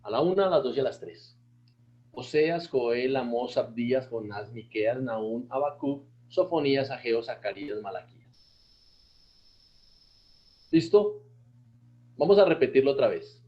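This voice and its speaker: A man's voice: mid-range voice, moderate pace, pauses often, lo-fi sound. A man who is a pastor teaching an online Bible class, with a Colombian accent, praising students and chanting lists with them. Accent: Colombian Spanish. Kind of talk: online class, leading group recitation.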